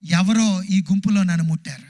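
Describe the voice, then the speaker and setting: A male pastor preaching a sermon emphatically, asking rhetorical questions and swinging his pitch widely. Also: normal speed, darkish tone.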